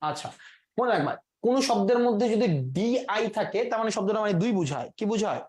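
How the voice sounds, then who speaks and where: A man's voice: sits high, lively intonation, a little fast, a little mellow. A man leads a classroom vocabulary lesson. He explains each word step by step, stopping to quiz the students. He drops English terms into his sentences as he teaches. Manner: asks the class quiz questions, mixes in English words.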